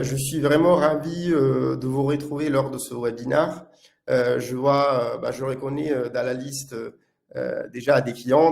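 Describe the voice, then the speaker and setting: Hosting a live webinar, this Italian-accented product manager from Italy delivers haltingly, with many filler sounds. He has a gravelly, mid-range voice that's a little mellow.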